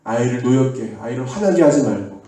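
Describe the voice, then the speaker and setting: A man preaches a sermon in a warm, mellow voice, urging his listeners earnestly and having them repeat his words. He sounds far from the mic. The church hall around him echoes heavily. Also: medium pitch, lively intonation, fairly quick. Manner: earnest exhortation, leads the congregation in call-and-response. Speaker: pastor. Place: church sanctuary.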